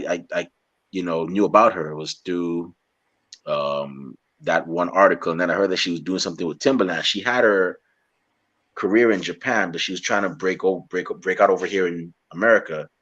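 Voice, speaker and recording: A young man from Guyana interviewing a guest in a relaxed, rambling way, often restarting his sentences. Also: deep voice, muffled recording. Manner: rambling, halting with many restarts. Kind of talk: casual interview chat.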